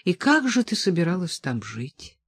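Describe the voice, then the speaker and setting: A firm, persuasive man, read aloud by the audiobook narrator lays out his reasons, his tone swinging up and down with a lively pitch. The reading is dry and close, with no room sound. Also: normal speed, slightly rough, no echo, heavily acted. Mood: questioning. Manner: insistent, reasoning. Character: commanding wealthy man, persuasive lover. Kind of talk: audiobook dialogue.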